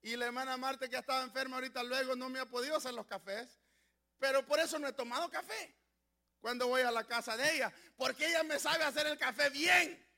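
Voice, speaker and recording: A man preaching a sermon, who shifts from halting, self-correcting talk to loud shouted exclamations. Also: very high voice, steady tone, gravelly. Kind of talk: Pentecostal-style sermon.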